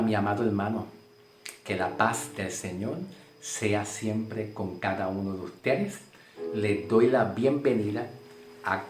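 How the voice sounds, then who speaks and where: Slow Puerto Rican preacher, roomy sound. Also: male voice, lowish voice, a little mellow. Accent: Puerto Rican Spanish. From Puerto Rico. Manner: repetitive, emphatic, checks in with "ok?". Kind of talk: sermon. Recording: roomy sound with faint guitar music.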